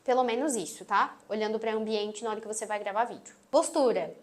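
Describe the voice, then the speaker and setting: A woman with a Brazilian accent and a sweet, gentle voice, teaching an online course lesson and closing her phrases firmly. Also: on the high side, fairly even intonation, fast talker. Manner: emphatic, closes phrases firmly. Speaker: marketing instructor. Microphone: phone on tripod.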